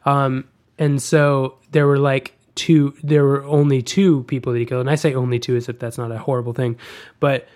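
A man's voice: mid-range voice, little pitch movement, normal speed, darkish tone. Young male co-host, casual, rambling, filler-heavy. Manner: rambling, lots of fillers and restarts. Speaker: podcast co-host. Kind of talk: casual film discussion.

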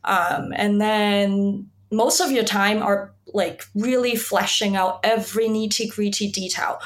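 A woman's voice: medium pitch, fairly even intonation, measured pace. A woman from Hong Kong speaking as a podcast guest, reflective, with frequent ums and restarts. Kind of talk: podcast interview.

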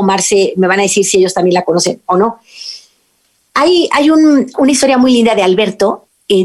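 A middle-aged woman with a Mexican accent who hosts a radio talk on parenting and faith and speaks earnestly and emphatically to her listeners. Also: mid-range voice. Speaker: radio host.

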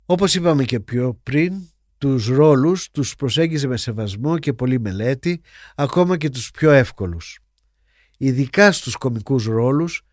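A man narrating a documentary in a calm, measured, scripted way. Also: mid-range voice, no room sound, clean studio sound.

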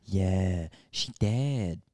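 A man's voice: low voice, expressive, extremely slow, a little mellow, dry recording, clean studio sound. A man co-hosting a podcast, chatting playfully with slang. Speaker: podcast co-host. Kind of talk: casual chat.

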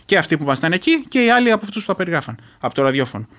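Here a middle-aged Greek interviewee who was a reserve commando earnestly relates his own experience, often halting and starting over. The voice is high-pitched, a bit bright, and very animated.

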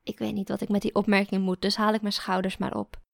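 A woman narrating a first-person story in a calm, even storytelling manner. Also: mid-range voice, quick pace, vocal fry, no room sound, clean studio sound. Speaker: audiobook narrator.

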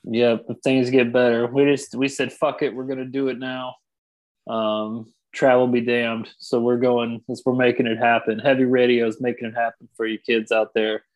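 A man's voice: mid-range voice, little pitch movement, normal speed, rough recording. Dry-joking male podcast host. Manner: dry, mock-serious banter. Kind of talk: casual comedic podcast chat. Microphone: video call.

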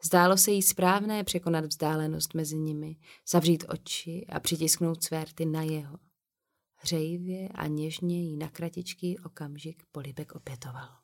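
A woman narrating an audiobook in a calm, measured reading. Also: low voice. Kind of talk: scripted narration.

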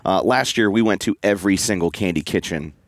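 A man in his thirties chatting casually as a co-host, an animated storyteller who slips into voices for the people he quotes. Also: sits low, a little fast, no echo, studio quality. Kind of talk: casual chat.

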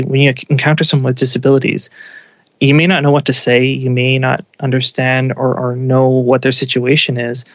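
A man's voice: mid-range voice, fairly bright tone, no room sound, dull audio. A man in his thirties, a father answering interview questions in an earnest, reflective way with frequent restarts. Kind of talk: conversational interview.

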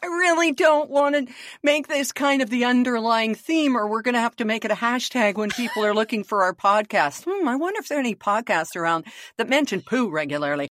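A woman's voice: a little high, animated, fairly quick, a bit bright, dry recording, studio quality. A woman co-hosting a podcast, chatting casually and laughing often as she tells stories. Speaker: podcast co-host. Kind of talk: casual chat.

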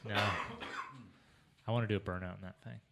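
A man's voice: lowish voice, fairly even intonation, brisk, creaky, dull audio, very noisy. A young man co-hosting a casual chat, blunt and joking, swearing freely. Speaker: co-host of a car-shop livestream.

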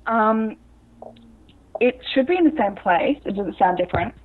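A woman's voice: medium pitch, animated, normal speed, slightly rough. A woman explaining grammar myths in casual chat, her voice muffled as if heard through a wall, hesitant with lots of ums and restarts. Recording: dull, muffled mic sound.

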